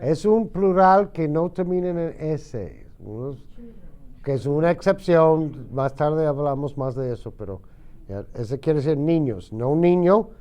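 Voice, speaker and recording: A middle-aged male teacher drills vocabulary in a classroom, taking his time over every word. His voice sits a little high for a man but sounds soft and mellow, and he leads patient call-and-repeat practice. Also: expressive. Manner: slow, patient, repeats words for students to echo. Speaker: ESL teacher.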